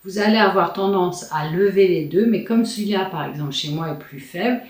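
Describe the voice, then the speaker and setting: A woman's voice: lowish voice, brisk. A woman explaining exercises as a face yoga instructor, informal and chatty in her delivery. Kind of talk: explanatory tutorial talk. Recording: roomy echo, distant mic, music.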